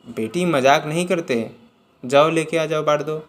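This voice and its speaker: A man's voice: fairly high pitch, moderate pace, voice pushed up, lightly acted. A man doing a stern old grandfather. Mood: scolding. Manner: scolding, firm. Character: stern elderly grandfather, scolding.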